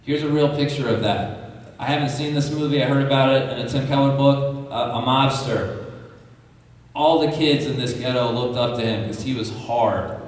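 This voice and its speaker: A man's voice: mid-range voice, steady tone, normal speed. A male pastor preaching a sermon in earnest, plain-spoken, punchy short sentences. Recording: echoey hall from far off.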